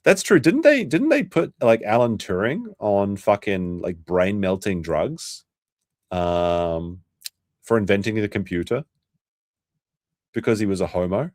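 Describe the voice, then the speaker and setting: In a dry, clean studio recording, a young man with a New Zealand accent chats crudely and rambles as a streamer host reacting for his livestream chat, talking to them directly and restarting often. His lowish voice is expressive, unhurried, and a little mellow.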